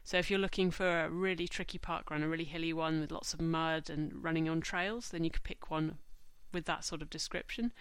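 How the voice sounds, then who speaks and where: Recorded dry and close to the microphone with no echo, a woman hosts a scripted podcast in a smooth, steady, fairly low voice that's slightly stuffed up from a cold. She delivers information in a measured way and slows right down when reading lists.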